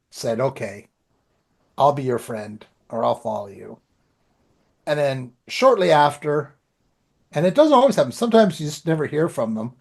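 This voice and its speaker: This man, an author and podcast co-host, has a gravelly, mid-range voice. He chats informally with colloquial anecdotes, often reenacting exchanges from memory.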